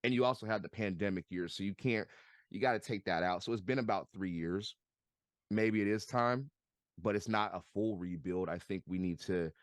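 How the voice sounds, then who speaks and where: A man talking sports as a podcast guest, excitable and stammering, repeating words as he gets fired up. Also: deep voice, no room sound, clean studio sound. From United States. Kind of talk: animated casual sports chat.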